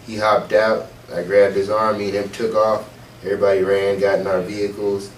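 A young American man, a soldier, recounting a combat event in halting first-person testimony full of fillers and restarts. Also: lowish voice, monotone. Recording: roomy, distant mic with faint hiss.

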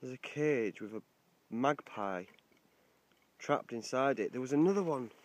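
A young man's medium-pitched voice, lively in intonation and unhurried, comes from a handheld phone as he vlogs while wild camping on a coastal hillside. He's chatty, laughs a lot, and lets the occasional swear slip.

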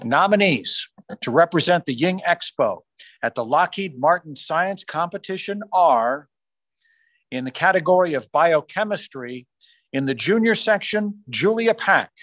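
A man formally reading out science fair award winners on a video call, rising in pitch on each school name. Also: expressive, a bit bright, no echo. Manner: measured, formal announcing, rising on school names. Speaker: awards announcer. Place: small room on a video call. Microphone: video call microphone.

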